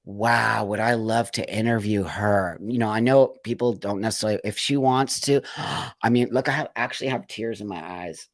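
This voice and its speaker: A man's voice: fairly low pitch, fairly even intonation, moderate pace, no room sound, clean studio sound. A man hosting a casual live stream, reading out viewer comments and answering them in an emphatic, emotional way, often repeating phrases for stress.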